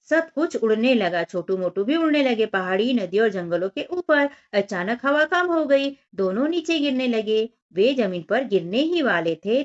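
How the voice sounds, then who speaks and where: A woman's voice: a little high, highs cut off. A woman teacher guiding young children through a workbook lesson, patiently sounding out letters and syllables one at a time and speaking to them directly. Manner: addresses children directly, gently instructive.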